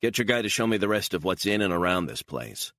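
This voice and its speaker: A man's voice: sits low, big pitch swings, fast talker, fairly bright tone, no echo, studio quality, pitched above the performer's own voice, exaggerated voice. A man voicing an impatient intelligence chief who presses for answers. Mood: demanding. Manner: demanding, pressing.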